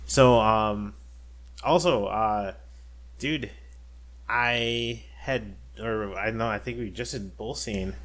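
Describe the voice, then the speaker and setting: Male podcast co-host, lower register, loose rambling delivery with fillers and restarts. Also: slow pace, fairly bright tone. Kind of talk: casual chat.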